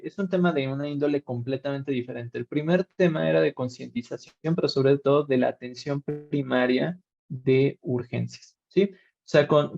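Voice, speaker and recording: Mexican man, workshop lecturer, gravelly mellow voice, dull lo-fi computer mic on a video call. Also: medium pitch, dry recording. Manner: explanatory, rephrases with fillers and asides. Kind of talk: webinar lecture. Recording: dull lo-fi webinar audio.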